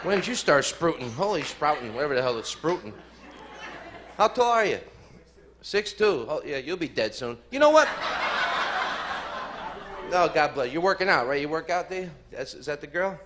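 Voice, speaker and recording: Brash, foul-mouthed comedian with a high voice. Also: male voice, animated, a little fast. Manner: brash, profane, teases the audience. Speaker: stand-up comedian. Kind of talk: stand-up set. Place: comedy club stage. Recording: live club recording with room noise.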